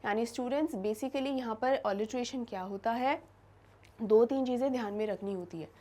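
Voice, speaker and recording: Woman, high-pitched, teacher explaining a lesson, Hindi mixed with English, slow repeated example words. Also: darkish tone. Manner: stretches out example words slowly and repeats them for emphasis. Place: classroom-style studio lesson.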